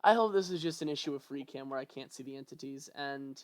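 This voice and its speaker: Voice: medium pitch, quick pace. Rambling, fretful game commentator. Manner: rambling, thinks out loud, fretful. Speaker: gameplay commentator. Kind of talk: casual let's-play commentary.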